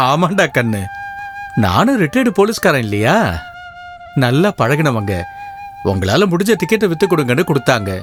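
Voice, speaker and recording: A man's voice: a little high, big pitch swings, normal speed, pauses often, a bit bright, faint music behind. An actor voicing an older retired policeman who dotes on his granddaughter, affectionate and chuckling. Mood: fond. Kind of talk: dubbed film acting.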